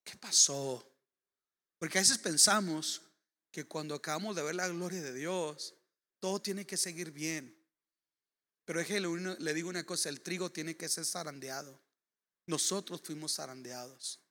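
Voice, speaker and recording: A man preaching a sermon, swinging between loud proclamation and hushed, low storytelling. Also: normal speed. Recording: long hall reverb.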